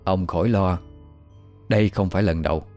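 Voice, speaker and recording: A male storyteller voicing a sly older woman who speaks quietly and with smug confidence. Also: deep voice, fairly even intonation, moderate pace, soft background music. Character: sly older woman, scheming and self-assured.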